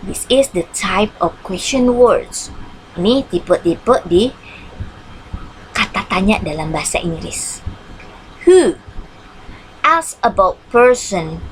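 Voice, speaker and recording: Slow-talking woman teaching English. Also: medium pitch, animated, a little hiss or hum, low-quality recording. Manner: repeats each English line in Indonesian, slow careful English. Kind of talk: online English lesson.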